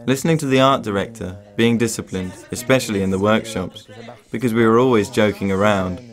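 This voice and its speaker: A man voices translated interviews for a documentary. He reads calmly and plainly in a fairly low voice. Faint music sits underneath. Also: brisk. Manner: calm, plain reading. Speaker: voice-over translator.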